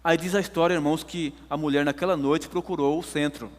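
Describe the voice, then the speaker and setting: A man's voice: fairly high pitch, steady tone, brisk, long reverb tail. A man preaching a sermon, telling a story emphatically to his congregation. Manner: emphatic storytelling, addresses listeners as brothers.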